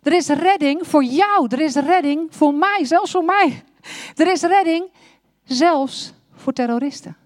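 Woman giving a sermon, high voice, slow deliberate pace, lots of emphatic questions. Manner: emphatic, with repeated rhetorical questions. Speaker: preacher.

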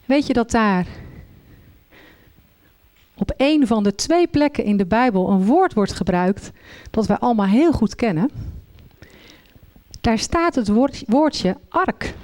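Levendig vertellende vrouwelijke predikant. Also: female voice, a little high. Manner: animated storytelling, acts out voices in the reading. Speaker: preacher. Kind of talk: sermon.

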